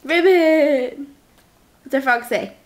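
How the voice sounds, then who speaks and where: A woman's voice: a little high, measured pace. A woman at home at mealtime, patiently quizzing her toddler in a sing-song voice and repeating questions, recorded on a home video camera.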